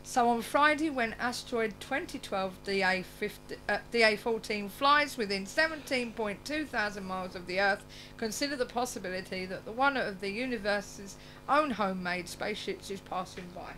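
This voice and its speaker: A woman's voice: mid-range voice, normal speed, few pauses, sharp tone, low-quality recording. A woman hosting a radio show, reading aloud with chatty asides and stumbling over words, her speech slightly slurred as if from loose dentures. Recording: clear background noise and hum.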